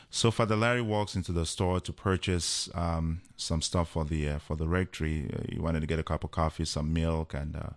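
A man, a guest telling a personal story in an unhurried way with many fillers. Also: low voice. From Cameroon.

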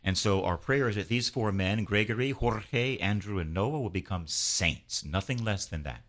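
A man's voice: on the low side, expressive, normal speed, a bit bright. A man, a priest, hosting an interview, leading a prayer and speaking with fervent, preaching emphasis. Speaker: priest and host.

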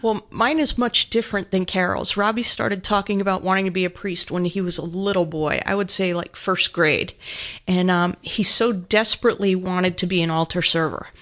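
A woman's voice: lowish voice, fairly even intonation, moderate pace, fairly bright tone. A middle-aged woman, a guest in a radio studio, telling her family's story in an earnest, plain-spoken way. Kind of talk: personal storytelling.

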